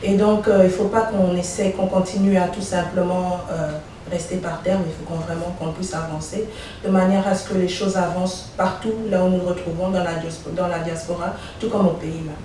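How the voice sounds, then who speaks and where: A woman's voice: fairly low pitch, flat delivery, brisk, dark tone. Distant, echoey woman answering questions. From Belgium. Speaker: dentist, interview guest. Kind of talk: interview answers. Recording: echoey room, voice from far off, faint noise.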